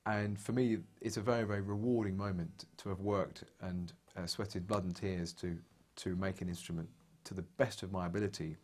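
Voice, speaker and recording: A man's voice: sits low, steady tone, fairly quick, hardly any pauses, darkish tone. A man who builds guitars, speaking thoughtfully in an interview and often stopping to restart and repeat words. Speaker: guitar maker. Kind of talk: reflective interview talk.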